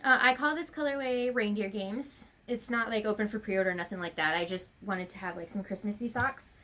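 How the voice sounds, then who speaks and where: A woman hosting a podcast in casual chat, relaxed and talkative with lots of fillers. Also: medium pitch, fairly quick, a little hiss or hum. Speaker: podcast host.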